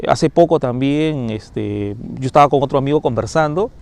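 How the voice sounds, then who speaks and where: Firefighter telling a ghost story. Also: male voice, medium pitch, normal speed, vocal fry. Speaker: firefighter paramedic. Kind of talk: first-person ghost story told on camera.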